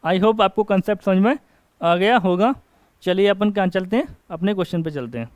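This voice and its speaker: A man teaching an English grammar class, asking questions and answering them himself and reading example sentences slowly. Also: high voice, no echo. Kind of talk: classroom lecture. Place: coaching class.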